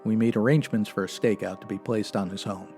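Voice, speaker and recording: An actor playing a stern, by-the-book 1950s police sergeant in a comic radio drama, formal, deadpan and clipped. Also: male voice, lowish voice, fast talker, faint music behind, lightly acted. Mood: matter-of-fact. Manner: deadpan, formal, matter-of-fact.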